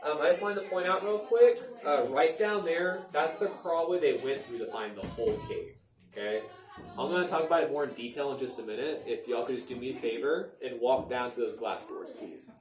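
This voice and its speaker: A man's voice: medium pitch, brisk, far from the mic, over music. Man guide with cave echo. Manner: relaxed and friendly, points things out. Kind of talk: guided tour talk. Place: cave entrance, group at a railing. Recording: echoey cave from afar, crowd behind.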